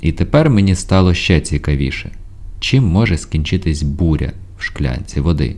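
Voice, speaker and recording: A man reading an audiobook in first person, in a measured storytelling voice with ironic asides. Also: rumbling low, lively intonation, darkish tone. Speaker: audiobook narrator. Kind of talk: scripted first-person narration.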